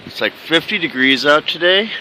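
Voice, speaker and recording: A man's voice: on the high side, animated, moderate pace, sharp tone, rough recording. A middle-aged man chatting casually and jokily as a vlog host, outside on a windy day. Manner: jokey, crude humor.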